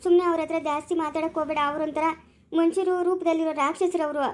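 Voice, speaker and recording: Woman playing an anxious aunt, high and flat. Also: fast talker. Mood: worried. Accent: Chikkaballapura rural Kannada. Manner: worried, pleading. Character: anxious, fearful aunt warning a young man. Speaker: family drama actor. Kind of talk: homemade family drama acting.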